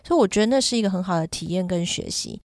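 This middle-aged podcast guest, a parent running kids' summer camps, explains things at length through examples in relaxed conversation. She talks rapid-fire in a lowish, slightly mellow voice with lively intonation, recorded cleanly in a studio without echo.

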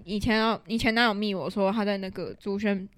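A woman's voice: medium pitch, steady tone, fairly quick, a bit bright, no room sound. A young woman with a Taiwanese Mandarin accent, co-hosting a podcast and telling stories in casual chat, full of fillers and laughter. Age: young adult. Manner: storytelling with lots of fillers and laughter. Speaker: podcast co-host.

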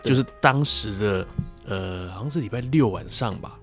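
A man's voice: fairly low pitch, expressive, normal speed, fairly bright tone, faint music behind. A man co-hosting a casual podcast chat, animatedly retelling old variety show sketches and acting out the quoted lines. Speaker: podcast co-host.

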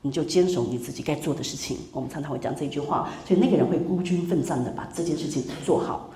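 A woman's voice: low-pitched, fast, warm tone. A woman from Taiwan, a university lecturer who teaches a class. She tells anecdotes, asks the students questions and mixes in English words. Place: lecture hall. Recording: echoey lecture room with faint noise.

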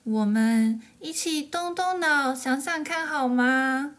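A woman playing a gentle, patient crocodile mother who coaches her child in a sing-song way for a children's story. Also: sits high, slow. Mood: encouraging. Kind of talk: children's audio story acting. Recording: music under the voice.

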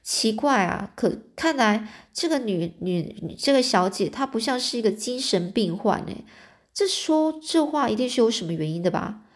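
A woman's voice: on the high side, animated, moderate pace. A woman casually retelling a storybook aloud, chatty and stopping to explain words for her listeners.

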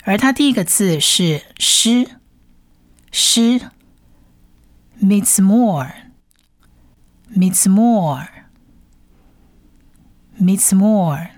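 A woman's voice: fairly high pitch, lively intonation, slow pace, pauses often, a bit bright, no echo, clean studio sound. A woman teaching a Bible Hebrew reading lesson, patiently spelling out letters and repeating each sound several times. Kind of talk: slow step-by-step reading lesson.

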